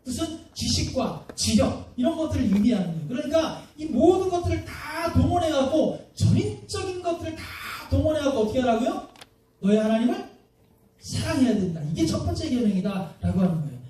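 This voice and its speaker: A male pastor preaching a sermon, lively and constantly questioning his congregation. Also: very high-pitched, fairly quick, a little hiss or hum. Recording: very echoey hall, mic at a distance.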